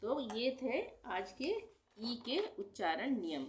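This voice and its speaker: A woman teaching English pronunciation rules, patiently repeating each example word slowly. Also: a little high, big pitch swings, slight background noise. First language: Hindi. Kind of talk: explaining English spelling rules.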